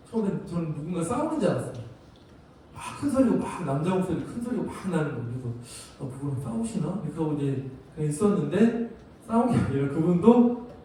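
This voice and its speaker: A man's voice: sits high, a little mellow, a little hiss or hum. Korean man preaching in an echoey sanctuary. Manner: conversational, telling stories to teens. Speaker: youth pastor. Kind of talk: sermon and closing prayer. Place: large church sanctuary. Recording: very echoey hall, from a distance.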